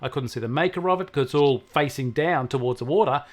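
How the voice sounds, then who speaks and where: Speaking fast in a mid-range voice, this man co-hosts a conversational tech discussion. He explains things casually and tells anecdotes from his own work.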